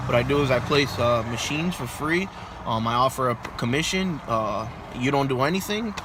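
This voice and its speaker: A young man recording a casual vlog about his vending machine business, excited and motivational, filmed on a handheld phone. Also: medium pitch, moderate pace, noisy background. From Massachusetts. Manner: excited, motivational, retells dialogue.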